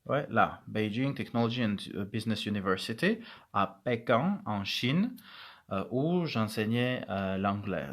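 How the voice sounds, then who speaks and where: Slow, hesitant man explaining exams. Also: fairly low pitch. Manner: hesitant, many fillers and restarts. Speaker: English teacher. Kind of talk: casual spoken explanation to camera.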